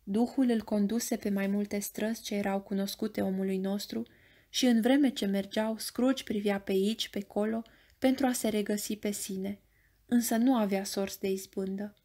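A woman with a Romanian accent reading an audiobook in a measured storytelling voice. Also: mid-range voice, steady tone, mellow. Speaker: audiobook narrator.

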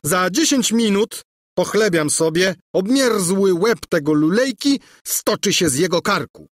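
A man's voice: high voice, expressive, unhurried, no room sound, clean studio sound, voice pushed up. A man voicing a pompous, boastful young prince.

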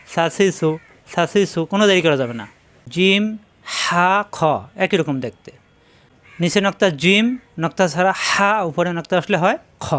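A man teaching letter pronunciation, briskly drilling syllables over and over. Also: high voice, fairly bright tone. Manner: brisk drilling, repeats syllables slowly then quickly. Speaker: Quran recitation teacher. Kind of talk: pronunciation lesson.

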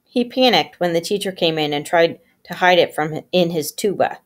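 A woman reading a novel aloud with steady storytelling, giving the characters their own voices. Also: lowish voice, moderate pace. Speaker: audiobook reader.

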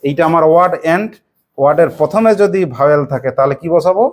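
A woman teacher with a West Bengal Bengali accent leads a classroom lesson in call-and-response style. Her voice sits a little low, and she asks each question again and again, patiently coaxing her pupils to answer. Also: quick pace, a little mellow, a little hiss or hum. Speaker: primary school English teacher.

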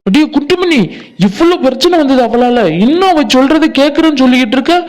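A man voicing a sharp-tongued village woman in a cartoon, scolding and insulting her friends. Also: very high voice, quick pace. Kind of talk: cartoon voice acting.

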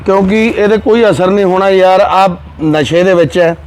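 An actor playing a blunt village elder who lectures and scolds. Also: male voice, high voice, moderate pace, a little mellow, clean tone, lightly acted. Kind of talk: village short film acting.

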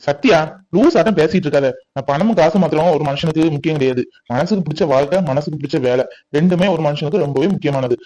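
Guy playing a bossy but caring young husband, rattles along fast, a bit high. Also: mellow, natural voice, low-quality recording. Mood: reassuring. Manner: firm, reassuring, bossy. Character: protective young husband, firm and reassuring. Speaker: actor. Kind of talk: family comedy-drama acting.

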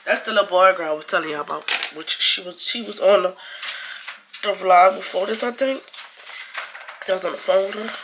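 A young woman, chatting casually to her vlog audience at home in a relaxed, rambling way. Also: medium pitch, a little fast, long pauses, background noise. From New Orleans. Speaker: vlogger and mom. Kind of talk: casual vlog talk to camera. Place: home, getting ready.

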